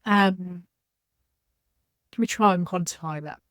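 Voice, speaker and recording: A lower-pitched woman answers interview questions reflectively and candidly. She is a podcast guest who grew up in Zambia. Her voice sounds close and dry, with no room echo. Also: slow, fairly bright tone. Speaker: guest, social impact leader.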